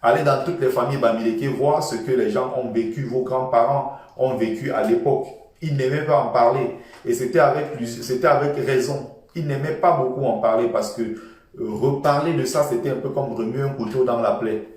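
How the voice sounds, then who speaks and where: A man delivers a fervent political monologue, hammering points home through repetition. His voice sits at a middle pitch and sounds distant from the microphone. Heavy room echo surrounds every phrase. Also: normal speed, darkish tone. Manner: passionate, repetitive, lecturing. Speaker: political commentator. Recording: echoey room from far off.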